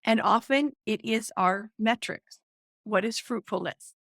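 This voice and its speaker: Middle-aged woman on a podcast, excited, stressing her points, kinda high voice. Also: measured pace, no echo, clean studio sound. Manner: excited, emphatic explaining. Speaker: guest, author and counselor. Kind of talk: conversational podcast interview.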